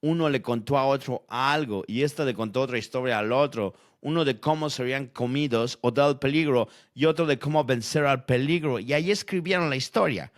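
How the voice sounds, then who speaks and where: This mid-range male voice sounds natural and moves fairly quickly with few pauses. He voices a logical thinker in an educational audio fiction, explaining storytelling and arguing over how stories function.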